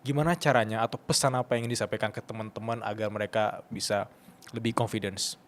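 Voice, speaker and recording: A man's voice: on the low side, fairly even intonation, quick pace. A man hosting a podcast interview, asking questions in slangy everyday talk and giving short listening replies. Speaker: podcast host.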